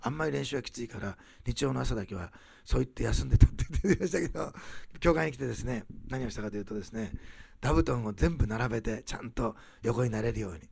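A man preaching a sermon, rising loud on key phrases and dropping to soft, quiet asides. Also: mid-range voice, quick pace, gravelly, husky, dry recording. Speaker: pastor.

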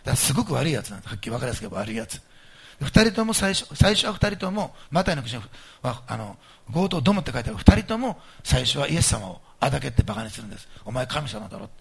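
Gravelly, animated male pastor preaching. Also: mid-range voice, racing. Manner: animated, emphatic, swings between soft asides and loud stresses. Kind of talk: sermon.

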